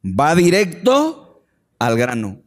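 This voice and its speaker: Man, pastor preaching, emphatic rhetorical questions, fairly high voice, long hall reverb. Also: wildly swooping pitch, takes it slowly. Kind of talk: sermon.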